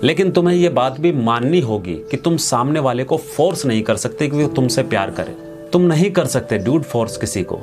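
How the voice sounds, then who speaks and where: A man's voice: medium pitch, lively intonation, normal speed. A young man hosting a storytelling channel, giving an earnest, reflective monologue and asking the listener direct questions. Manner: earnest, direct, speaks straight to the viewer with questions. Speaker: poetry and storytelling channel host. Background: background music.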